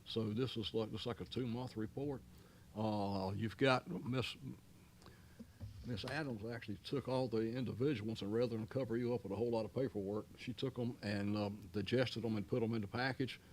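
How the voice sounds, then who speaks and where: A man's voice: fairly low pitch, fairly even intonation, normal speed, slight background noise. Folksy, long-winded man at a board meeting. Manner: folksy, long-winded, many fillers and restarts. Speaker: county manager. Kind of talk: explaining at a public board meeting.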